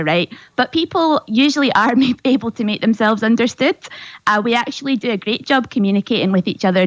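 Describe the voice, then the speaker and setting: A woman's voice: mid-range voice, dry recording, poor audio. A woman linguist on a radio discussion, explaining patiently and often checking in with "right?". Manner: explanatory, tag questions, laughs lightly. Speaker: linguist guest.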